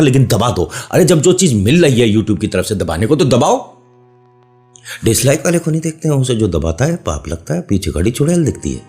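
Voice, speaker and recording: A man's voice: fairly low pitch, a little mellow. A man casually telling a horror story, breaking off often to joke with his listeners. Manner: chatty, joking asides to listeners, playful digressions. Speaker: storyteller host.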